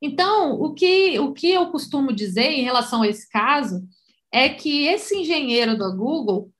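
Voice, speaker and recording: A woman's voice: high-pitched, animated, moderate pace, fairly bright tone. Chatty explaining woman, lots of fillers. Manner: explanatory, many fillers and restarts. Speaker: course coordinator. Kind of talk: live stream talk.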